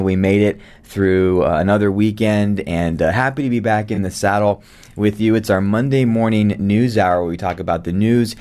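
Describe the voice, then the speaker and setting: Through a studio microphone comes a deep, darkish male voice belonging to the host of a live radio talk show. He keeps things friendly and conversational, dropping in a filler word now and then.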